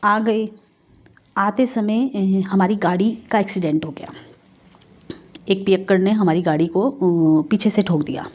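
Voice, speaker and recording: A woman's voice: medium pitch, measured pace, pauses often, highs cut off. Woman telling a heartfelt devotional story. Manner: heartfelt storytelling, often addresses the listeners directly; conversational, with everyday Hindi-English mixing. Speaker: devotee giving testimony. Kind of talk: spiritual testimony to a congregation.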